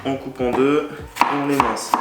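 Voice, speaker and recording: A man's voice: medium pitch, flat delivery, moderate pace, very noisy. A man hosting a casual cooking vlog, chatty and joking, talking straight to the viewer in slangy speech. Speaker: cooking video host. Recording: echoey room with loud background music. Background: loud background music.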